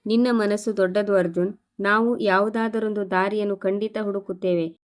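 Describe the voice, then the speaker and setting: A woman reading the lines of a proud wealthy woman who speaks calmly and firmly. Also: mid-range voice, moderate pace, close to an everyday voice. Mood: gentle.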